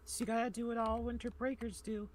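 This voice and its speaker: A woman's voice: a little high, little pitch movement, fast, slight background noise, lightly acted. A woman playing a cheerful, chatty demon student who rambles casually with plenty of fillers.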